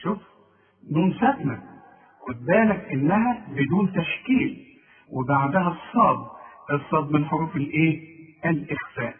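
In a tajweed lesson, a man with an Egyptian Arabic accent patiently quizzes the listener, answering his own questions and slowly stretching out recited examples with a nasal hum. His voice sits on the high side and is expressive. He was recorded from a distance, and the sound is tinny, like a phone.

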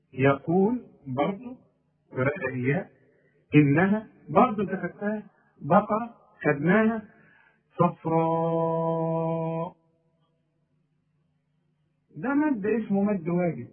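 High-voiced Egyptian man teaching recitation, tinny. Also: slightly rough. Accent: Egyptian Arabic. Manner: explains rules, then models slow drawn-out recitation. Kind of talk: tajweed lesson. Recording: tinny phone-like sound.

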